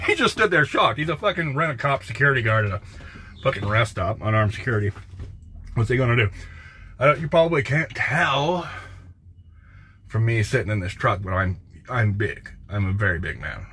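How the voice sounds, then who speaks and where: A man's voice: fairly low pitch, fairly bright tone, slight background noise. An American man, a truck driver, chatting casually on a phone livestream from his truck cab, blunt, profane and rambling with lots of restarts. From United States.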